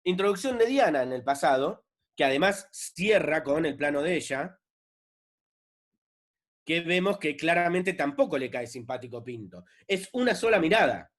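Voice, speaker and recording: A man with an Argentine accent lectures as a film director, explaining his work in a relaxed, chatty way. His voice sits a bit high, and he keeps checking in with his listeners. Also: normal speed. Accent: Argentine Spanish. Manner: relaxed, conversational, frequent "¿no?" and fillers. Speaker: film director giving a masterclass.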